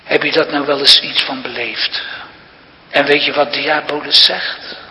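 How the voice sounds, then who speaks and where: Brief: male preacher, slow and deliberate, bright, ringing tone, emphatic storytelling sermon, church reverb. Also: a little high, steady tone, a little hiss or hum. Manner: emphatic storytelling preaching, addressing congregation and children. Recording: long reverb of a church hall.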